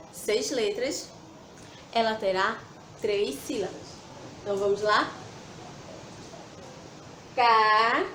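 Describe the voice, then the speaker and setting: Slow, patient woman teaching children. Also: on the high side, slight background noise. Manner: slow, patient, sounds out syllables. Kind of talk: children's lesson. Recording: echoey room with faint ambience.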